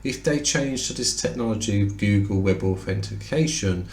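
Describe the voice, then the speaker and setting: Low-voiced man reviewing laptops, roomy sound. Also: normal speed, darkish tone, a little hiss or hum. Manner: explanatory, conversational, occasional self-corrections. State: losing his voice. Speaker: tech reviewer. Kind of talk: product comparison review. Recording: roomy echoey room sound.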